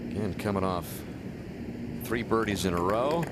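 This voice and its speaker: Low male golf commentator over loud ambience. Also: moderate pace. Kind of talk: live broadcast golf commentary. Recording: loud ambient noise behind broadcast.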